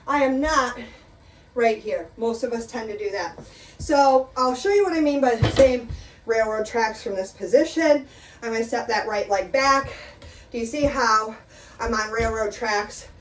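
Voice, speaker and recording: With slight background noise and an echoey sound from a far-off mic, a middle-aged instructor runs a live exercise class in a room with a chair. Her fairly high voice is a little slow, and she stays chatty and encouraging though winded as she talks through the moves.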